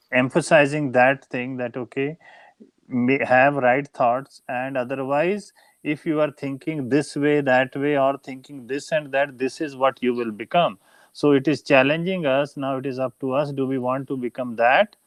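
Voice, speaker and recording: A man's voice: medium pitch, dry recording, poor audio. Male participant, mid-range voice, earnest, rephrasing as he goes, dry sound. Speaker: discussion participant. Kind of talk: informal scripture discussion.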